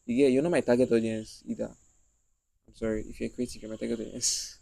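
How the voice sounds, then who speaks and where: A young man with a Nigerian accent rambling casually to his own camera, repeating himself and often trailing off quietly. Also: medium pitch, little pitch movement, fast, gravelly, no echo, low-quality recording. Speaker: content creator. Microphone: own handheld mic, noise reduction mode.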